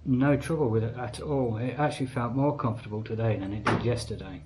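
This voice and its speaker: A man's voice: mid-range voice, fairly quick. An Australian man vlogging as he hikes a bush trail, talking plainly and matter-of-factly about his pack. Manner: plain, matter-of-fact, thinks aloud about numbers. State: panting on a climb. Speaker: hiker vlogger. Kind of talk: casual outdoor vlog. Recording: noisy outdoor recording.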